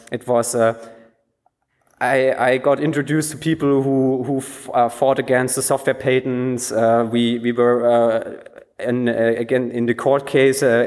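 A man telling a personal story at a conference, hesitant, with many fillers and restarts. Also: mid-range voice. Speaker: conference speaker. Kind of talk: anecdotal conference talk. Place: conference hall. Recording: long hall reverb.

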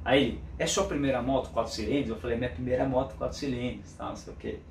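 A motorcycle vlogger tells a story in a relaxed way, playing both sides of each conversation himself. His mid-range voice is gravelly and steady, and he talks fast. The mic sits at a distance in a roomy space, with a faint hum in the background.

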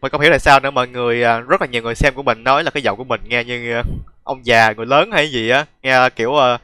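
Bright, crisp-voiced young gaming host. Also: male voice, medium pitch, fairly even intonation, rapid-fire, no echo. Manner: laughs often, self-mocking and chatty. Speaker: gaming YouTuber reacting to his old videos. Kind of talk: casual reaction commentary.

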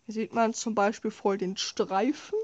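A woman's voice: mid-range voice, steady tone, a little slow, a little mellow, lo-fi sound. A woman giving casual, wry, sarcastic commentary as she plays a horror game. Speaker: let's play host.

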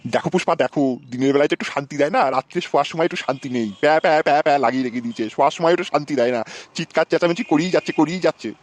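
A man's voice: on the high side, rapid-fire, no echo, lightly acted. A man voicing a crude, hot-tempered cartoon father who curses and threatens his son. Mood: angry. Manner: cursing and threatening. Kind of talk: comic Bengali cartoon voice acting.

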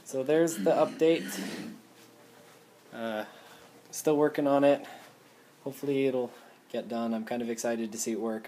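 A young man with a lowish voice gives an easygoing show-and-tell of his hobby builds. He explains each piece offhandedly into a handheld camera in his garage, with a faint background hum. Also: warm tone. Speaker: hobbyist vlogger. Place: home garage, indoors.

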